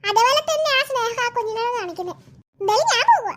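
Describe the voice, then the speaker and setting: A lonely cartoon ghost that mutters to itself in a wistful, brooding way, voiced by a woman. The voice sits very high and sounds bright and sharp. It carries a Malayali accent. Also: animated, fast talker, a little hiss or hum. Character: lonely, softening ghost who scared a baby. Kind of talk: cartoon voice acting.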